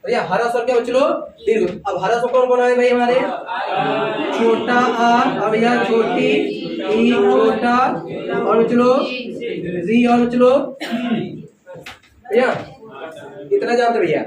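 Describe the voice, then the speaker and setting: A man teaches a crowded class, repeating his questions and calling on the students by turns. His voice sits very high and carries from a distance across the room. The classroom is echoey, and the students are heard clearly behind him. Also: fairly even intonation, measured pace, pauses often, a loud crowd. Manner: repetitive questioning, keeps calling the students "bhaiya" and "children". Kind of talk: classroom lecture.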